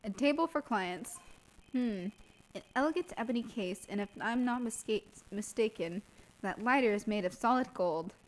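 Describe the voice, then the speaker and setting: A young defense lawyer from a video game sizes up a room with dry, wry remarks, read by a woman in her own voice. The delivery is plain and a little high, with a sardonic edge. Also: lively intonation, normal speed, close to an everyday voice, rough recording. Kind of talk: reading game dialogue aloud.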